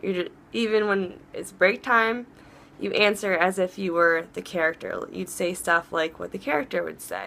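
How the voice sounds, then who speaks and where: A woman hosting a casual advice vlog, chatty and rambling, often restarting her sentences, and warm and encouraging toward her viewers. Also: medium pitch, gravelly. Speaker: vlog host.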